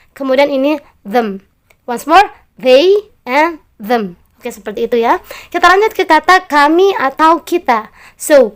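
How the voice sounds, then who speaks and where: A woman with an Indonesian accent teaching a beginners' English lesson, friendly and encouraging, drawing out her example words slowly. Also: sits high. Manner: slow, drawn-out model pronunciations; friendly and encouraging, addresses learners directly.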